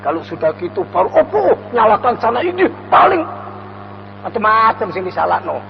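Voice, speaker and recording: A man with a high voice and an East Javanese accent gives a mosque lecture in a prayer hall. He recites Arabic verses and then explains them in a homely, joking tone. The sound is dull and carries a long reverb, with a faint mains hum underneath. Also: very animated, a little fast, vocal fry. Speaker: Islamic preacher.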